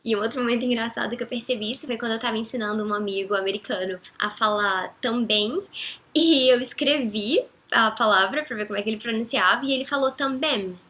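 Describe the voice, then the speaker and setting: A young woman with a Brazilian Portuguese accent, teaching English pronunciation in a clear, patient explaining style. Her voice sits a little high and sounds bright and crisp, and she slows down carefully for each English example. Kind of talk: explanatory language lesson.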